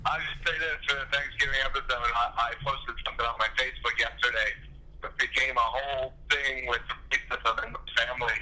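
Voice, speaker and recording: A man calling in over a phone on speaker from a ferry, joking in a dry, deadpan way. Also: mid-range voice, brisk, poor audio. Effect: heard over a phone on speaker. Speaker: phone-in caller, former guest. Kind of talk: casual chat.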